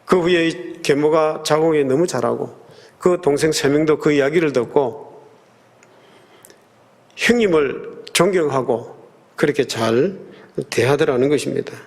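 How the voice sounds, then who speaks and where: A man's voice: on the high side, gravelly. A man preaching a sermon as pastor, telling a story earnestly and emphatically, with acted-out quotes. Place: church sanctuary.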